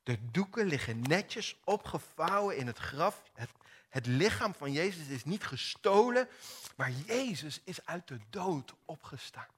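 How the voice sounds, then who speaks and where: A man preaching a sermon, retelling a story dramatically with lively acted-out dialogue. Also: on the high side, measured pace, husky.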